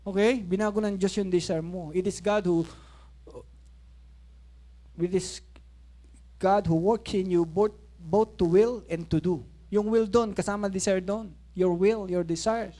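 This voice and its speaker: A man in his fifties preaching with a high, light voice. He tells stories in an animated way, dropping to a soft murmur and then rising to a shout, with laughing asides along the way. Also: a little slow. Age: 50s. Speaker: pastor. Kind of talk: Taglish sermon storytelling.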